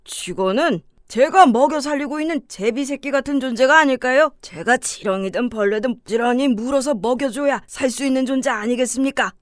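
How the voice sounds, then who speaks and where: A woman's voice: high voice, fairly quick, hardly any pauses, no echo, clean studio sound, lightly acted. A woman voicing a smug, condescending middle-aged male company boss who laughs things off, in a talk-toon drama. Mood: feigned surprise.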